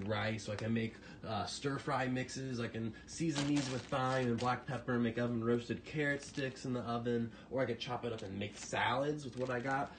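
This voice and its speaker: A man's voice: mid-range voice, background noise. A man who works as a personal trainer, chatting loosely through a grocery haul in his home kitchen, rambling with lots of fillers. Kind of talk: casual grocery haul vlog. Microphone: handheld phone camera.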